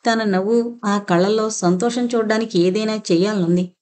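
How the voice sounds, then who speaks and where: Reading scripted narration for an audio novel, this mid-range female voice tells the story at an even, measured pace.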